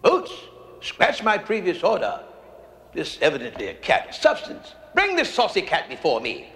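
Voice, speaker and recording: A man's voice: high voice, wildly swooping pitch, moderate pace, a bit bright, heavily acted. An actor playing a fussy, self-pitying, capricious middle-aged king in a comic fairy-tale drama, grandly theatrical. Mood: indignant. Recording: echoey stage-set room.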